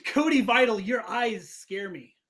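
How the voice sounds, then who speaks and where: Chatty high-voiced host rambling with "like". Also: male voice, animated, slow pace, a bit bright. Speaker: interview host. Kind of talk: casual interview.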